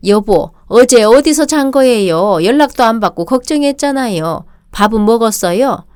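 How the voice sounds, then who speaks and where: A woman's voice: on the high side, expressive, normal speed, darkish tone, clean tone, lightly acted. A woman voicing a meek, hurt mother-in-law in her sixties in a radio drama, pleading and self-pitying.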